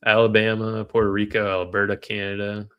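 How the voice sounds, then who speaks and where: A man's voice: on the low side, monotone, brisk, smooth, muffled recording. A man trading live on a stream, reading out viewer comments and venting when trades go against him. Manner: frustrated, talks to chat while reading comments. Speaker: livestream trader.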